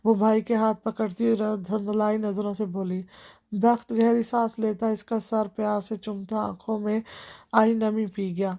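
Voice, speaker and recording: Woman narrator for a novel audiobook, gravelly and dark, steady delivery. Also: mid-range voice.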